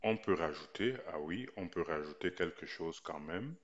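A man teaching a writing lesson in a slow voice-over, repeating each point deliberately. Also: sits low, lively intonation, highs cut off. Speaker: language teacher.

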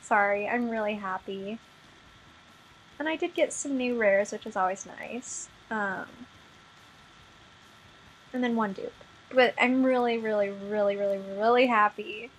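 A young woman, a gaming vlogger, gives casual commentary on her gacha pulls, bubbly and gushing, giggling and apologizing, and a little under the weather. Her mid-range voice is a little slow with frequent pauses. The low-quality recording has slight background noise and faint game music.

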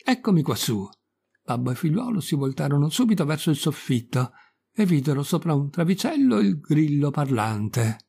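A man narrating a children's classic as an audiobook reader, in a steady, measured reading. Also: fairly high pitch, vocal fry, slightly rough. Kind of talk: storybook narration.

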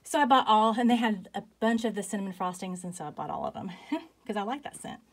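A woman's voice: medium pitch, sing-song, fast. A woman, chatting casually in a vlog and reading off a long list of items one after another, a little out of breath. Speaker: candle collection vlogger. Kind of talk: casual chat, listing items.

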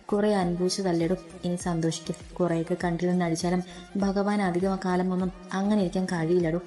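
A woman's voice: on the low side, flat delivery, brisk, mellow, soft background music, close to an everyday voice. A woman voicing a kind female housemaid who reassures a friend, in a storybook reading. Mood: reassuring.

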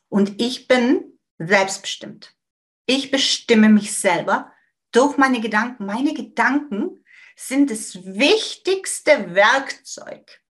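Slow, high-voiced woman coaching with emphasis. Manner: repetitive and emphatic, phrases trailing off quietly. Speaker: manifestation coach. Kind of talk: motivational talk to an audience.

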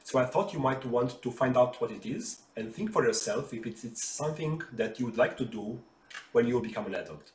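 Speaking a little fast, an RPA developer sounds animated as he gives children a friendly explainer, keeping it simple and patient and using hand gestures. His voice is medium-pitched and darkish in tone. It's caught off-mic from a distance in a bright living room with a sofa, with a roomy echo and slight background noise.

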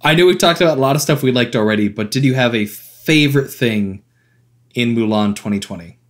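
A man's voice: mid-range voice, brisk. Wry man co-hosting a podcast. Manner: wry, opinionated, laughing asides. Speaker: podcast co-host. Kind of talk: casual chat.

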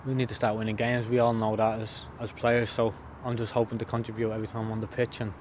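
A man in his thirties, a footballer giving a post-match interview outdoors by the pitch, plain-spoken and repeating words as he thinks. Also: monotone, quick pace, darkish tone, a little hiss or hum.

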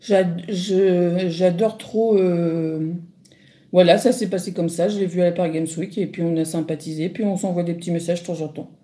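A woman's voice: fairly low pitch, steady tone, moderate pace, dark tone. A middle-aged woman chatting casually on a phone livestream, answering viewers with lots of hesitant fillers. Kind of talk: casual live chat reading comments.

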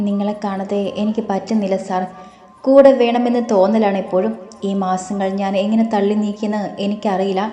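A woman's voice: medium pitch, steady tone, fairly quick, mellow, faint music behind, natural voice. A woman voicing a pleading young girl. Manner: pleading and earnest. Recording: roomy echo.

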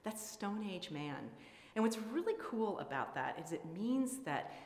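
A woman's voice: mid-range voice, sing-song, unhurried, a little mellow. Enthusiastic woman explaining in an echoey room. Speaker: flutist and museum presenter. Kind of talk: educational presentation. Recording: echoey room with long reverb.

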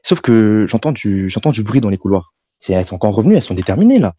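A man's voice: fairly low pitch, big pitch swings, quick pace, warm tone, dry recording, dull audio. A young man calling in and telling a long story in casual slang, rambling with lots of fillers. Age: young adult.

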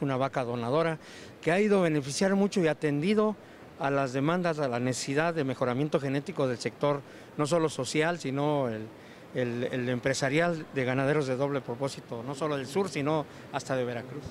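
A man's voice: medium pitch, a little fast, slight background noise. A middle-aged Mexican man working as a television interviewer on location, speaking into a handheld microphone. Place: large indoor livestock exhibition hall.

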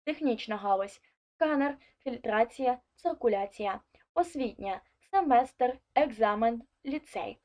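A woman's voice: fairly high pitch, a little mellow. A woman teaching an online language lesson, reading scripted explanations and listing examples one by one. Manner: clear, deliberate listing of examples. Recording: dull lo-fi audio.

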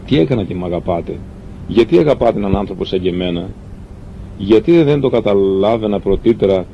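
A man voicing a gentle, dying young man who speaks softly and tenderly. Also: animated, gravelly. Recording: dull lo-fi recording with faint rumble.

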